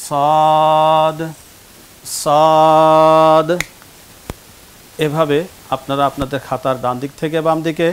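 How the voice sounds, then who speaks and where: A man teaching Quran reading in a studio classroom, patiently drilling pronunciation and quizzing his students. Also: fairly high pitch. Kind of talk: televised classroom lesson.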